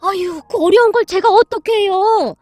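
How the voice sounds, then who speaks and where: A woman's voice: very high-pitched, normal speed, darkish tone, soft background music, pitched above the performer's own voice. A woman voicing a meek middle-aged mother-in-law, eager and trying hard to sound tough.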